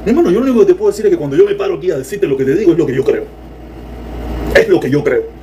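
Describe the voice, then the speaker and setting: A Cuban man with a Cuban Spanish accent talks rapidly in a casual livestream, sarcastic and animated as he reads comments. His voice sits high but sounds warm and mellow. A faint hiss of background noise runs behind him. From Cuba. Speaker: political commentator reading viewer comments.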